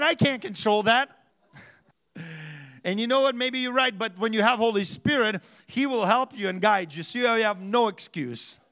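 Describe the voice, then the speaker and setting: This high-sitting male voice belongs to a pastor delivering a sermon. His slightly broken English swings between emphatic shouting and quiet passages, with frequent restarts.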